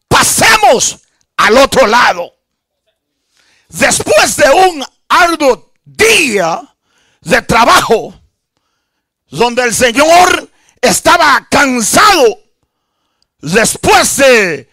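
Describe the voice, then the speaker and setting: Middle-aged male pastor, high and very bright voice, impassioned shouted preaching on a handheld mic. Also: no room sound. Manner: impassioned, shouting, drawn-out phrases; standing, fist raised while preaching. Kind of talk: Pentecostal-style shouted sermon and prayer. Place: small church hall with stage and drums. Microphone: handheld microphone.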